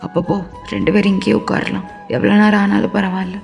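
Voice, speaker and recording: A woman's voice: mid-range voice, level tone, fast, gravelly, a little mellow, faint music behind. Woman voicing a weeping, pleading young husband. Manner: tearful begging. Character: young husband, remorseful, pleading, hot-tempered.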